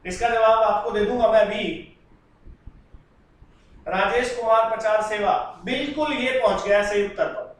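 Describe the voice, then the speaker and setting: A man's voice: sits high, fairly even intonation, a little slow, long pauses, recorded from a distance. A man teaching a live online class, answering students' comments in a chatty, fatherly way. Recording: very echoey room, voice from away from the mic.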